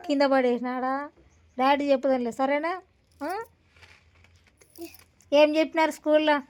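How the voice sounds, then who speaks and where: A woman's voice: high voice, steady tone, moderate pace, darkish tone. A woman, a mother, talking casually with her young daughter at home, coaxing and scolding. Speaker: mother and vlogger.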